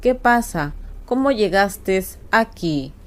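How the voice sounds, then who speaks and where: A woman voicing Kamol, a mafia boss man who speaks in a deep, steadying voice. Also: lively intonation, takes it slowly. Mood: calm.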